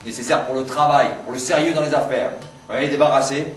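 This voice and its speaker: A man's voice: medium pitch, steady tone, fast, far from the mic, natural voice. A man playing a defensive homecomer. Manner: protesting, insistent. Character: man returning home, defensive about lost accent. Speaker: stage actor. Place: theatre stage. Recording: echoey stage recorded from afar.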